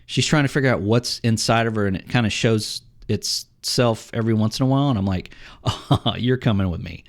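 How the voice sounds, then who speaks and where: A middle-aged man co-hosting a podcast, telling rambling, animated stories about the games he plays and acting out the other players. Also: lowish voice, fairly quick. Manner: rambling, animated storytelling with acted-out quotes. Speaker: podcast co-host. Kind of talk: casual chat about video games.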